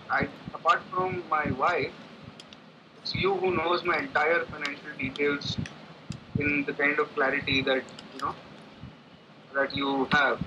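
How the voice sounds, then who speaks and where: Man, laptop speaker call audio, dull lo-fi sound, steady background noise, hesitant, restarts often. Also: fairly high pitch. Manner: hesitant, thinking aloud with many restarts. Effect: voice coming through a laptop speaker on a call. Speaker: client giving a testimonial. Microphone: laptop on a remote call.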